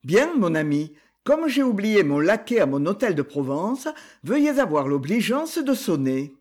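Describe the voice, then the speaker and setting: A man voicing a haughty adult nobleman in an audiobook, curt and commanding, in a high voice. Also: sing-song, normal speed, a little mellow. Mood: imperious.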